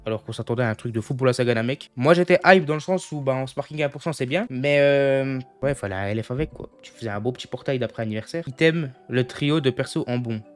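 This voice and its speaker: A young gaming streamer rattles along quickly, barely pausing, in a mid-range voice over soft background music. He chats casually with his live audience, thinks aloud, and keeps turning to them as "les gars."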